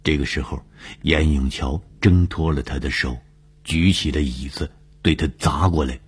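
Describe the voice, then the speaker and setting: Deep husky male storyteller. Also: normal speed. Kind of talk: spoken storytelling broadcast.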